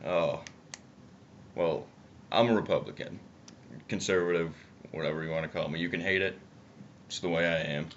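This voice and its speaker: A man's voice: sits low, steady tone, moderate pace, pauses often. A young man chats casually and bluntly, swearing, with chewing tobacco in his lip. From upstate New York, United States. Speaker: video co-host. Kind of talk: casual political chat. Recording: muffled, noisy amateur video audio.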